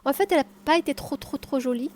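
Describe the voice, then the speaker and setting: A woman with a southern French accent, calmly explaining a cooking tutorial step by step, with frequent hesitations. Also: high voice, fast talker. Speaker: home cook.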